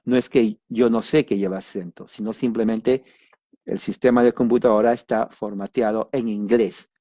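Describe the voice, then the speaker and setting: A man's voice: lowish voice, steady tone, moderate pace, warm tone, dry recording, clean studio sound. A man giving an informal Bible study lesson, talking conversationally and addressing listeners directly, with emphatic asides. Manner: emphatic asides and sudden exclamations. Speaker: Bible teacher.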